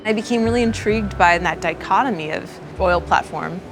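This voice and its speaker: A woman's voice: medium pitch, normal speed, background noise. A woman telling her experiences as a marine consultant in a documentary interview. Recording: prominent music bed under speech.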